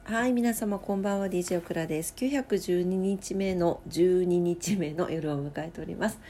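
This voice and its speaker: A woman hosting her own late-night talk show from home, rambling and thinking aloud with many pauses. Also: fairly low pitch, warm tone, a little hiss or hum. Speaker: podcast host. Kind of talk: casual late-night solo chat.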